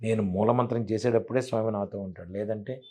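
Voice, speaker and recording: A man's voice: on the low side, fairly even intonation, quick pace, a little mellow, slightly rough. A man speaking as a spiritual teacher in a devotional interview, emphatic and preachy, asking many rhetorical questions.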